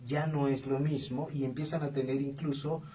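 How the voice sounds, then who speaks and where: A man, a radio show host who drops short dry jokes and explains calmly. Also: medium pitch, moderate pace. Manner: brief interjections and dry jokes, then calm explaining. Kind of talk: casual radio talk. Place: radio studio. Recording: distant mic.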